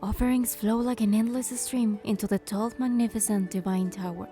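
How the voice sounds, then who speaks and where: Voicing the same kind of proud, injured game goddess, a woman narrates her pain in a solemn, storytelling way from a script. She speaks at a medium pitch and normal speed with fairly even intonation and a dark tone, acting lightly over soft background music.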